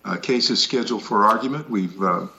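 Casting: male presiding judge, low creaky voice, hesitant measured delivery, dull call audio. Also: sharp tone. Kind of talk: formal, unscripted courtroom remarks. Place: virtual court hearing.

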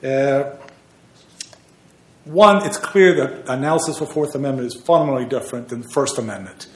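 A man's voice: medium pitch, normal speed. A man arguing a case as an attorney before an appeals court, earnest and emphatic. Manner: earnest, emphatic legal argument. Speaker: appellate attorney. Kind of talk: oral argument before a court. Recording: echoey courtroom.

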